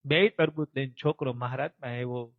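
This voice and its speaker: A man telling a devotional story as a sermon, acting out the characters as he goes. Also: no room sound. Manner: animated, voices the characters in the story with quick pitch jumps. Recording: dull lo-fi recording.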